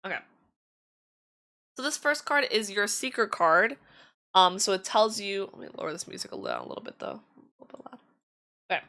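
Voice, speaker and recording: A woman's voice: medium pitch, sing-song, brisk, long pauses, bright, forceful tone. A woman streaming tarot readings in casual chat, chatty and giggly with lots of fillers, her voice slightly strained.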